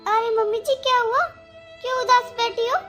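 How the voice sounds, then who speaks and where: A woman voicing a patient young daughter-in-law in a cartoon who calmly reasons with her mother-in-law. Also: very high voice, normal speed, faint music behind. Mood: coaxing. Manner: calm, coaxing.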